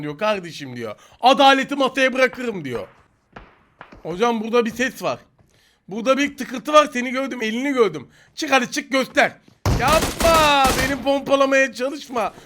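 Excitable high-voiced Turkish gamer man. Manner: joking, teasing opponents, excitable outbursts. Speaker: gaming YouTuber. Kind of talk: live gameplay commentary.

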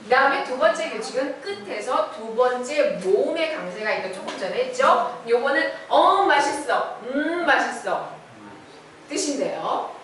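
A woman's voice: sits high, lively intonation, unhurried, fairly bright tone, distant mic. A woman lecturing a class on a language, explaining each point step by step and putting questions to the room. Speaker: Esperanto lecturer. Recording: very echoey hall, speaker off-mic, faint noise.

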